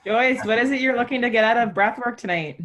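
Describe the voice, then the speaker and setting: A woman's voice: on the high side, fast talker, a bit bright. A woman casually hosting an online group call and inviting people to speak. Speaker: host of the online workshop.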